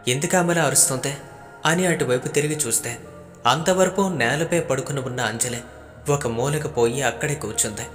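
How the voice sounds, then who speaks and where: Guy narrating a spooky story in an even voice, echoey hall sound, music playing faintly. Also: medium pitch. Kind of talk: first-person horror story narration.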